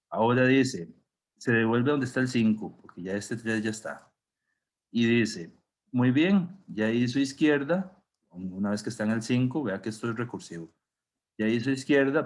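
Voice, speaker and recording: Low-voiced professor with a sore throat. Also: male voice. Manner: slow step-by-step explaining. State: sore throat, clearing it often. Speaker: university professor. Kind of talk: online class lecture.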